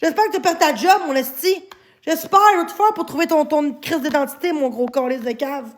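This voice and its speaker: This livestreamer, a woman with a Québécois accent, is furious at her viewers, cursing frequently as she tells off the chat. She speaks briskly in a high voice.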